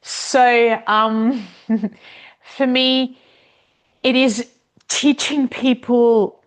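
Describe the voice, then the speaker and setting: A woman as a podcast guest, telling stories in an unhurried way with many pauses and restarts. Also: a little high, steady tone, clean tone. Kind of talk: casual interview conversation.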